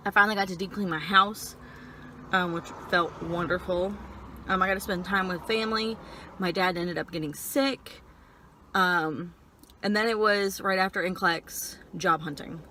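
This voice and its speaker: A young woman telling personal stories casually while eating and chewing, in halting phrases peppered with "like". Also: fairly low pitch, fairly even intonation, pushed and bright, slight background noise. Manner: frequent filler "like", halting stop-and-start phrasing. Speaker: vlogger. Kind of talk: casual personal storytelling chat.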